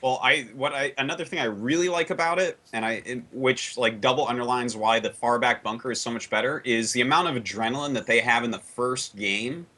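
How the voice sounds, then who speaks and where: A man's voice: medium pitch, fairly quick, hardly any pauses, pushed and bright. A man on a casual esports panel, reasoning through a strategy thoughtfully. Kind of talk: casual esports analysis chat.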